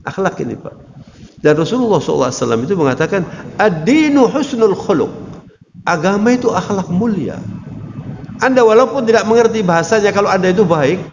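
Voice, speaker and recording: A man's voice: sits high, expressive, fast, gravelly, slight background noise. A man giving a conversational Islamic sermon, addressing listeners directly. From Indonesia. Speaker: Islamic preacher. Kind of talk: religious talk to an audience. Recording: lo-fi recording in a reverberant hall.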